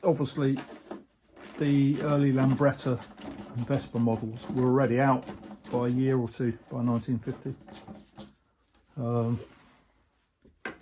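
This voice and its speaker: A motorcycle restorer who hosts a channel talks casually through a repair in his workshop or shed. His mid-range voice is relaxed and explanatory, moving at a measured pace with long pauses and plenty of fillers. A little hiss or hum sits under the recording.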